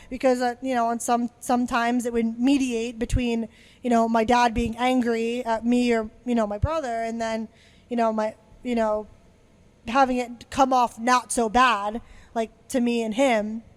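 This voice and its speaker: A woman's voice: fairly high pitch, little pitch movement, normal speed. Frustrated young woman venting on a podcast. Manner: frustrated, rambling, swears freely; many fillers and restarts. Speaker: podcast co-host. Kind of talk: casual podcast chat.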